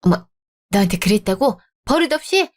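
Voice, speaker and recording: A woman's voice: medium pitch, big pitch swings, moderate pace. A woman voicing a meddling middle-aged mother who dotes on her son and is haughty about his fiancée, in a radio drama. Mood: indignant.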